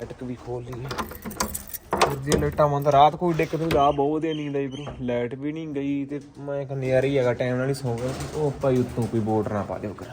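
A man's voice: medium pitch, slight background noise. A man from Punjab hosting a casual vlog, chatting and joking with friends. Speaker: vlog host, pigeon keeper.

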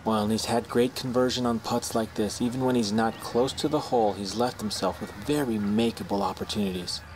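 A man's voice: on the low side, a little fast, noisy background, lightly acted. A man playing a conversational, knowing golf commentator who adds analysis in a sports video game. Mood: analytical.

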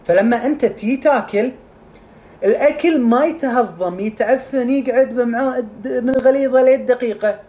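A man's voice: very high voice, normal speed, a little mellow. A man explaining health topics casually. He talks animatedly and acts out scenes with sound effects. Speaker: integrative medicine specialist.

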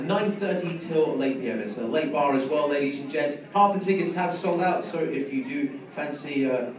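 Young man announcing in an echoey hall. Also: mid-range voice. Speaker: bingo hall host. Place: large indoor bingo hall. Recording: echoey PA, distant mic, faint hall noise.

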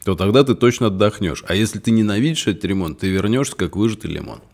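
A middle-aged man, a psychotherapist co-hosting a podcast, talking in a relaxed, reflective way about his own habits. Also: on the low side, fast talker, creaky. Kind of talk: casual conversation.

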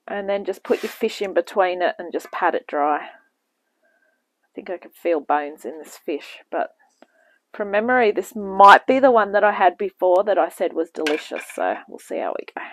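A woman's voice: medium pitch, expressive, moderate pace, no echo, low-quality recording. A woman hosting a home cooking demonstration, talking casually with rambling asides as she works, heard from a camera in a home kitchen. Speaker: cooking show host. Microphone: camera mic, off-screen speaker at the bench.

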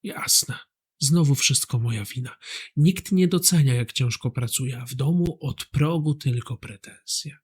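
A man's voice: a little high, moderate pace, breathy edge. A man voicing a dismissive, blame-shifting grown man who sounds defensive and scornful.

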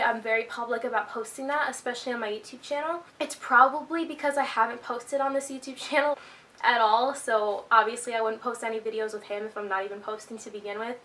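A woman's voice: fairly high pitch, a bit bright. A woman of twenty-one chatting to camera in a rambling life-update vlog, a little out of breath from being sick. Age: 20s. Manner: chatty, rambling, filler-heavy. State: slightly out of breath from illness. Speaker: YouTuber.

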